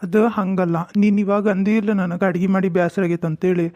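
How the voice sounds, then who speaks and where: Man playing a placating cartoon village husband with a North Karnataka accent, high and quick, dry close sound. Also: flat delivery, a little mellow, no echo, muffled recording, lightly acted. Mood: coaxing. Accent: North Karnataka Kannada. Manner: soothing, placating. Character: coaxing, patient young village husband. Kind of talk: cartoon comedy voice acting.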